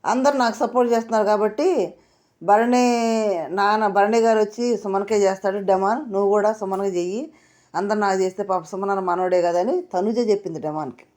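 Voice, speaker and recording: A woman recapping a reality show episode in casual talk, quoting the contestants in a lowered voice. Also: brisk, a little mellow. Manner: retells quotes with lower voice.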